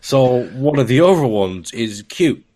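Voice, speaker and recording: A man with a warm, expressive, medium-pitched voice talks a little slowly as a guest on a podcast. He is a software developer, speaking casually and candidly, joking around and often laughing at his own remarks.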